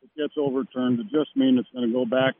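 A man calling in to a radio show, holding his phone away from his mouth so his voice comes through faint and distant. He talks haltingly, with restarts. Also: medium pitch, steady tone, gravelly. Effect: phone held away from the mouth, voice faint and distant. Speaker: radio call-in caller. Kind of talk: call-in radio talk. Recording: tinny phone line.

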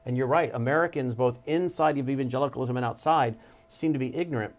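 A man's voice: medium pitch, quick pace. A man hosting a television talk show, speaking emphatically as he retells stories from earlier guests. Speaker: television host. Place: television studio.

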